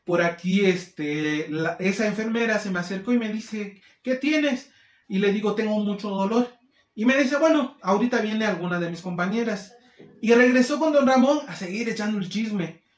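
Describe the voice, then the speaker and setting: A man with a Mexican accent telling a casual storytime, animated and acting out the people he quotes. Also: high voice, normal speed. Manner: animated, acts out quoted people in shifting voices. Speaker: vlogger. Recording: roomy echo.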